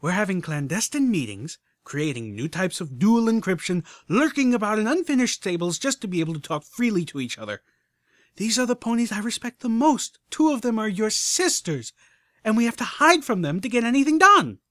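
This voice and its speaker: A man's voice: on the high side, lively intonation, normal speed, hardly any pauses, bright, forceful tone, dry recording, studio quality. A man voicing an older mare pony leader who is frustrated and fiery, talking in an emphatic, exasperated way. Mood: furious. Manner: exasperated, emphatic, swearing when angry.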